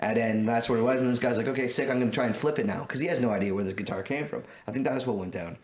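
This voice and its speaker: A man with a Quebec French accent, telling a profane, rapid-fire story on a casual podcast and acting out the voices of the people in it. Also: medium pitch. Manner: rapid, profane, acts out voices in his stories. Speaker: podcast host. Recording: roomy echo, faint noise.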